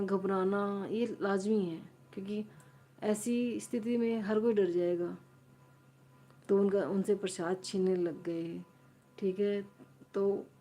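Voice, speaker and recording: A woman's voice: mid-range voice, dark tone. A woman on a live stream, casually retelling a story to her viewers and repeating and rephrasing her lines as she goes.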